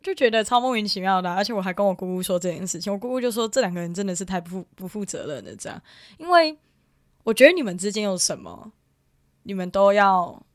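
A woman's voice: mid-range voice, animated, quick pace, dry recording, clean studio sound. A young woman from Taiwan telling a personal family story in casual chat, rambling with many fillers and restarts. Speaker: guest.

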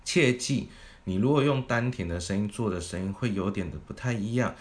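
A man's voice: lowish voice, animated, fairly quick. A man teaching a singing lesson, explaining vocal technique methodically, step by step. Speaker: vocal coach.

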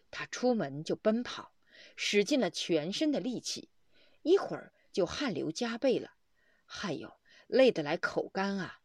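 Lively woman reading a religious tale. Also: medium pitch, dry recording, studio quality. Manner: animated, exclaims often in narration. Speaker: reader of a Buddhist text. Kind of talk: expressive storytelling reading.

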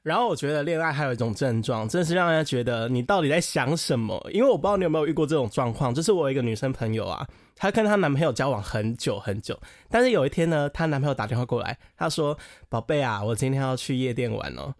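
A man with a somewhat high voice, co-hosting a casual podcast. He is chatty, reacts eagerly and laughs often. The recording is dry and close. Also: animated, quick pace, hardly any pauses, dry recording. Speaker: podcast co-host. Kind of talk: casual chat.

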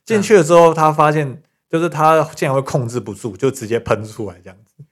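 Guy rattling off a story quick, laughs a lot, chatty podcast vibe. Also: on the high side. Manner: rapid, laughing storyteller, trails off with 这样子. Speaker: podcast co-host. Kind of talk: casual chat.

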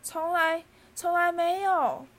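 Woman doing a shrill servile house-elf. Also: lively intonation, normal speed. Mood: tearful. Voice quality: high and shrill. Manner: humble, keeps saying sir. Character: small servile male house-elf, tearful and excitable. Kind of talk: storybook reading.

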